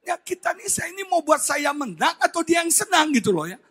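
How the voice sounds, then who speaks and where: A male pastor, delivering a sermon in a blunt, animated way and often shouting for emphasis. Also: very high-pitched, a little fast. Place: church sanctuary.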